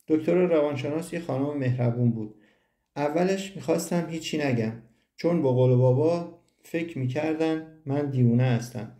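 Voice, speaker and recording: A man narrating a first-person audiobook story in a steady storytelling manner. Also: medium pitch, gravelly. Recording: roomy echo.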